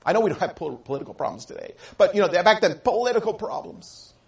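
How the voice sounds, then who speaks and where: A male pastor delivers a sermon in a high voice that swings widely in pitch. He tells the story with animated energy, dropping in and out of quoted voices as he goes. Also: racing, creaky.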